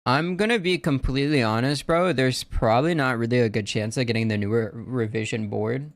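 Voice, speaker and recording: A man's voice: mid-range voice, brisk, dry recording, studio quality. A man talking casually as a livestream host, in a slangy, profane frat-bro manner.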